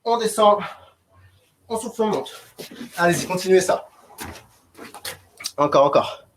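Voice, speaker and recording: In a recording full of background noise and clicks from a distant mic, a high-pitched man gives a group workout short instructions that command and encourage. He speaks at a moderate pace.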